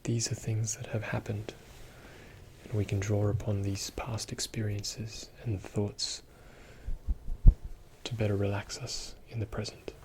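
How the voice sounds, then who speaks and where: A man giving a soothing, reassuring ASMR pep talk in a soft-spoken, often whispered voice, slow and deliberate. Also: lowish voice, little pitch movement, noisy background. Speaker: ASMR video host.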